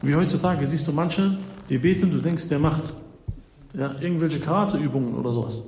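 A man teaches a religious lesson, slightly high for a man and gravelly in tone. He keeps asking "ja?" as he explains. The room is echoey with a long reverb and a faint hiss underneath. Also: brisk, warm tone. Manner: explains with frequent "ja?" checks, slightly nonstandard grammar. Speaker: preacher. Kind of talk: religious lesson retelling hadith. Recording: echoey hall with faint noise.

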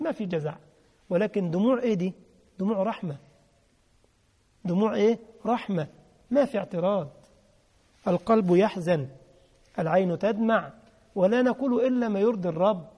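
A man's voice: high-pitched, warm tone. A man preaching a sermon with an Egyptian accent, emphatic, repeating key phrases and quizzing his listeners. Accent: Egyptian Arabic. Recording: long hall reverb.

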